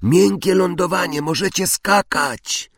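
A man's voice: medium pitch, animated, unhurried, slightly rough, dry recording, clean studio sound. A man voicing a brave young schoolboy wizard, calling out in strained, breathless bursts.

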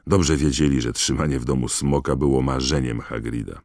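A man narrates an audiobook with a measured, expressive storytelling manner. His voice is extremely deep and recorded close and dry. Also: vocal fry, dry recording. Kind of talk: scripted narration.

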